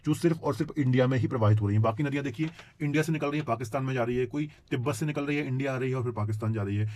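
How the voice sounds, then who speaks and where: Man, geography teacher, rapid exam-prep lecture, rhetorical check-ins, occasional throat clearing. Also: medium pitch, darkish tone, slight background noise. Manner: checks in constantly with rhetorical questions; addresses students as children.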